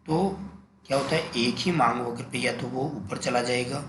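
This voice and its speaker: A man's voice: medium pitch, fairly even intonation, normal speed. A man teaching an exam-prep lesson, repeating key points and asking then answering his own questions. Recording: echoey room, faint noise.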